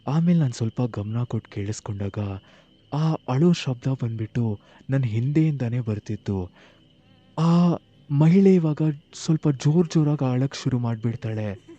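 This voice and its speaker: A man narrating a first-person horror story with animated, tense delivery, acting out the dialogue himself. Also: mid-range voice, normal speed, dry recording, lo-fi sound.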